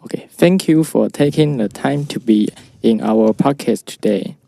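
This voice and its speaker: Brief: teen co-host from Taiwan, slow scripted reading, heavy fry. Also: male voice, medium pitch, dark tone, no echo. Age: teens. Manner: reads from a script. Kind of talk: scripted school podcast hosting.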